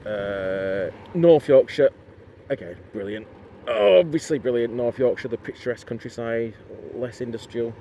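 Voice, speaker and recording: A middle-aged Northern English man chats bluntly and rambles as he rides a motorcycle. His voice sits at an ordinary middle pitch. Faint traffic and road noise hum behind him on a helmet mic. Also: normal speed, warm tone, muffled recording. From Lancashire, England. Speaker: motorcycle vlogger. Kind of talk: casual talk while riding. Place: outdoors riding a motorcycle in the cold.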